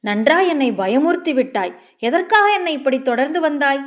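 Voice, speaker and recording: A woman voicing a spirited, quick-tempered young woman who speaks sharply and playfully. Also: sits high. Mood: startled. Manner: sharp and lively, raising her voice.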